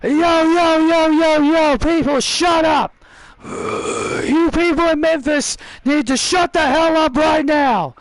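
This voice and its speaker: A cocky, shouting wrestler hurls boasts and insults at the crowd, put on by a man. The voice sits very high and goes up further when he yells. The sound is dry and close. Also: slow, no echo, poor audio. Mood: taunting. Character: brash loud male wrestler cutting a promo.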